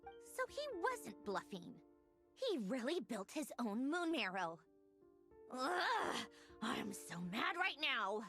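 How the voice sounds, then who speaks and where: A sharp, impatient game scientist; high, animated, sarcastic. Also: female voice, a little slow, faint music behind. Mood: irritated. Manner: curt, exasperated, sarcastic. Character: irritable brilliant female scientist, impatient and sharp. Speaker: game character. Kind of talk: video game voice acting.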